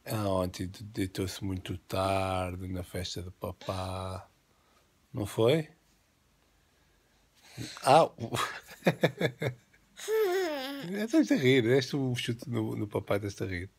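A man's voice: on the low side, steady tone, drawn-out words, pauses often, slightly rough. A man from Portugal with a European Portuguese accent, filming a casual home vlog on his phone in a bedroom and coaxing his toddler in teasing baby talk. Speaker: family vlogger and father. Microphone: handheld phone camera. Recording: noisy phone recording.

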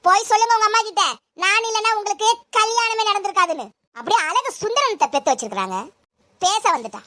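A woman puts on a full character voice, very high, fast and expressive with a sharp edge, as a young daughter-in-law shooting a vlog in a comedy sketch. She's sugary when addressing the camera, then turns defensive and snippy as she talks back to her mother-in-law.

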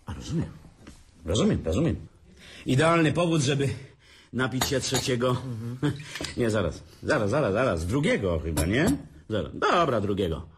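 In a radio drama, an actor plays a boastful, self-pitying businessman who drinks and mocks everyone at a family dinner, sounding tipsy, sarcastic, and theatrical. His mid-range voice is very animated at normal speed, with long pauses, light acting, and slight background noise.

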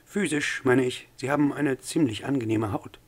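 A man voicing a smug, patronizing male company official with a husky voice. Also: mid-range voice, moderate pace, close to an everyday voice.

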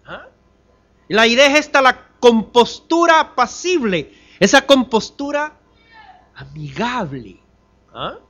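A pastor preaching a sermon, asking the congregation rhetorical questions and swinging between loud emphasis and soft, low drops. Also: male voice, expressive, slow, pauses often. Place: church.

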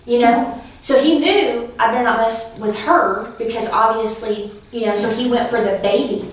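A woman's voice: on the high side, normal speed. A woman teaching a preaching class in a conversational, storytelling way, laughing now and then as she tells anecdotes. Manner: conversational, anecdotal, laughs while telling stories. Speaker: Bible teacher. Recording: echoey room, voice from far off.

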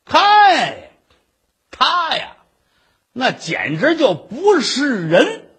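A man's voice: very high-pitched, wildly swooping pitch, drawn-out words, fairly bright tone, voice pushed up, heavily acted. A male storyteller voicing a spiteful male scholar who rants venomously about a woman. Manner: venomous, exaggerated ranting.

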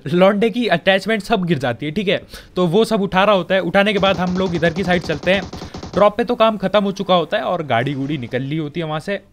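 A young gaming commentator with a Hindi accent gives casual, joking commentary over his own game footage, chatty and full of colloquial fillers. His voice sits high and he talks briskly, with slight background noise.

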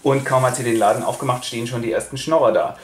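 A man hosting a casual, playful retelling of a play with toy figures, talking briskly. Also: medium pitch, fairly even intonation, roomy sound, a little hiss or hum. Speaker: host.

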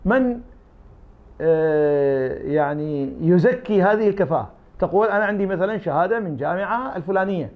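A man's voice: high-pitched, expressive, a little fast, phone-quality sound. A man from Iraq with an Iraqi Arabic accent, giving interview answers as an academic guest, arguing his point through imagined back-and-forth dialogues. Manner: argumentative, uses imagined dialogues.

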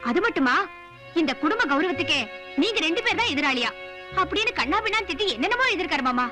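A woman's voice: extremely high pitch, big pitch swings, quick pace, over music. A woman playing a sly, sarcastic young wife who schemes against her in-laws. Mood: scheming. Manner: sly, mocking. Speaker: daughter-in-law. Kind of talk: 1980s film acting.

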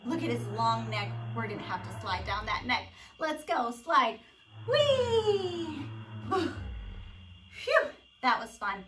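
A young woman teacher leading young children through a playful pretend exercise adventure, calling out actions with animated energy. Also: on the high side, a little slow, far from the mic, noisy background. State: out of breath. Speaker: preschool teacher. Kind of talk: children's movement and drama lesson. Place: home.

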